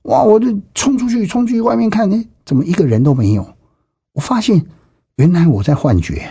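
Telling his life story as an interviewee, a middle-aged man with a Taiwanese Mandarin accent speaks emphatically with frequent exclamations and repetitions. His high voice is dark and husky, a little fast with lively intonation, and the recording is dry and close with little room sound.

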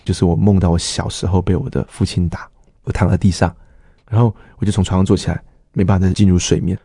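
A man's voice: low voice, flat delivery, quick pace, gravelly, mellow, slightly rough, dry recording, studio quality. A middle-aged man, a pastor earnestly telling his personal testimony and acting out the dialogue he quotes.

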